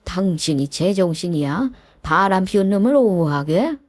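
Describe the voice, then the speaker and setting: A woman's voice: on the low side, expressive, moderate pace, darkish tone, no room sound. A woman voicing a furious older father-in-law who scolds harshly and barks commands in a told story. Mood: furious scolding. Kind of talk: storytelling with voiced characters.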